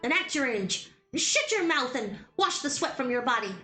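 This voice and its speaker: A woman voicing a sharp-tongued, prickly fifteen-year-old village girl in a visual novel, scolding and indignant. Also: high-pitched, very animated, moderate pace, exaggerated voice. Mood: bossy, scolding. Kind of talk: visual novel character acting. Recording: roomy echo, music behind the voice.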